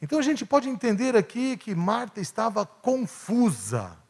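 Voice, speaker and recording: A male pastor from Brazil preaching a sermon, swinging between emphatic peaks and hushed asides. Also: sits high, huge pitch swings, normal speed, gravelly. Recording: long church hall reverb.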